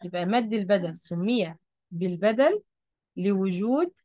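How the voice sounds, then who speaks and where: In a warm, medium-pitched voice with lively intonation and normal speed, a woman with an Egyptian Arabic accent explains a Quran recitation rule at a board. She is patient, repeats key points, and checks that her students are following; there is no room sound.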